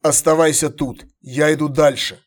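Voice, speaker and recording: A man voicing a stern, commanding middle-aged emperor who gives curt, measured orders. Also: a little high, steady tone, close to an everyday voice.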